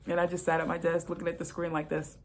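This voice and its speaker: Low gravelly-voiced retired policewoman. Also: completely flat delivery, quick pace. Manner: conversational, repeats phrases for emphasis. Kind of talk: casual storytelling monologue.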